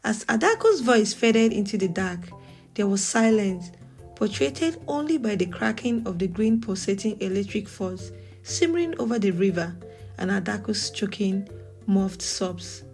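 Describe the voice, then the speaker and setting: A woman's voice: medium pitch, expressive, a little mellow. Nigerian woman narrating a dramatic folktale. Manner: dramatic, measured storytelling. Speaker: storyteller. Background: faint music.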